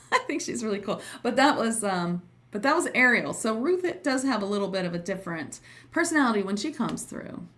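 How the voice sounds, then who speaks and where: A woman's voice: a little high, sing-song, a little fast, a bit bright. A woman hosting a casual livestream as a teacher, chatting with viewers in an informal, giggly, effusive way. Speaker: host and trance channeling teacher.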